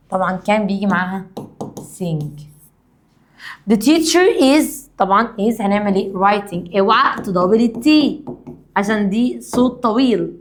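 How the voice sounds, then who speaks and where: A woman with an Egyptian Arabic accent, an English teacher giving a classroom grammar lesson, explaining briskly and reading example sentences slowly and deliberately. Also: medium pitch.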